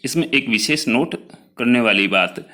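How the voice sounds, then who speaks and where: A man teaching a lesson, explaining slowly, sounding out each letter one by one and talking straight to his students about his written notes. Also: medium pitch, animated, sharp tone. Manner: addresses students directly, pointing to written notes. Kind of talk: classroom lecture.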